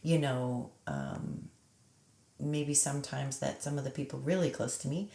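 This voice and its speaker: A woman with a low voice and a gravelly edge, speaking slowly and reflectively in a relaxed podcast chat. Her words come with pauses and soft fillers, and the sound carries a roomy echo. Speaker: podcast conversation partner. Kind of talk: casual reflective conversation.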